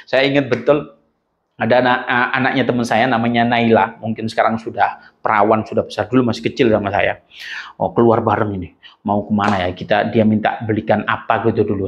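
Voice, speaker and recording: A man giving a lively religious lecture, telling stories and acting out angry voices. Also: mid-range voice. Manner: animated storytelling, acts out angry voices. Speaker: preacher.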